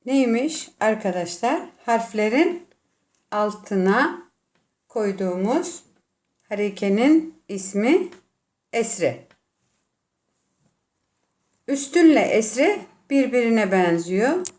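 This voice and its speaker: A woman teacher with a Turkish accent, slowly explaining Arabic vowel marks and sounding out letters one by one. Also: on the high side, animated, a little mellow. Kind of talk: classroom lesson.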